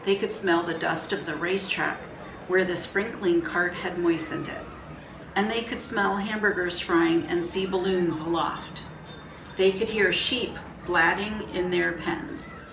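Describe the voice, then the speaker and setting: A woman reading a children's book aloud, in a gentle, expressive storytelling manner. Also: lowish voice, background noise. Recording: roomy distant mic, faint music.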